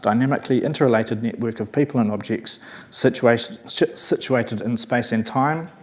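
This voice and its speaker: A man's voice: medium pitch, a little mellow. A man with a broad New Zealand accent gives a conference talk, partly reading from notes, slightly nervous, hesitant and self-deprecating. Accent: broad New Zealand (Kiwi). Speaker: conference presenter reading a colleague's paper. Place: conference session room, speaking to an audience.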